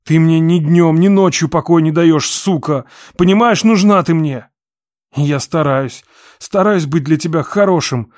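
A woman's voice: very deep voice, expressive, moderate pace, darkish tone, no echo, clean studio sound, voice pushed down, full character voice. Woman doing a growling angry young man. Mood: angry pleading. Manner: growling, demanding, hoarse. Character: rough angry young man, drunk, intense. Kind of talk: audiobook reading.

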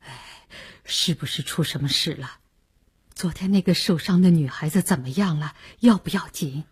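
A woman voicing an anxious, flustered middle-aged male official with a breathy, husky voice, often dropping to a hushed whisper. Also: low voice, moderate pace, pitched below the performer's own voice. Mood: alarmed.

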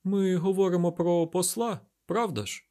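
A man reading an audiobook voices an anxious woman official, lifting his voice high and sounding nervous. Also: moderate pace, warm tone, close to an everyday voice. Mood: uneasy. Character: anxious female city official.

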